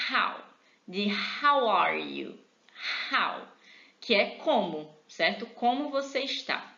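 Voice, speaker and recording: A Brazilian woman teaches English in a chatty, encouraging way, drilling each word slowly and more than once. Her voice is bright and forward. The sound is echoey and a little dull, as if taped in a bare room. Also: on the high side. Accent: Brazilian Portuguese. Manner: chatty and encouraging, repeats words slowly for learners. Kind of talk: online English lesson, explaining and drilling pronunciation.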